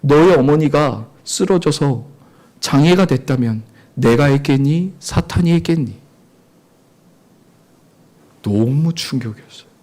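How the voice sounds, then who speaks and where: A man, a missionary preacher, telling a personal testimony in a sermon with dramatic storytelling, acting out voices and shouting at the peaks. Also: a little high, animated, measured pace, long pauses. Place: church service.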